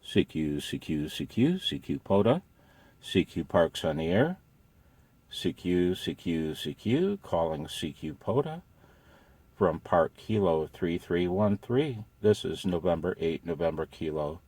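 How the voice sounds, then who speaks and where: A man in his parked truck making a ham radio call, repeating call signs in a steady, subdued chant. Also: low voice, unhurried, slightly rough, no echo. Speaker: amateur radio operator. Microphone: phone camera.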